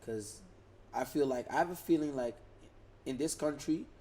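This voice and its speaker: With slight background noise, a young Dutch musician speaks in a mid-range voice at a moderate pace during a casual podcast interview. He sounds relaxed, fills his speech with fillers, and often repeats and restarts his words.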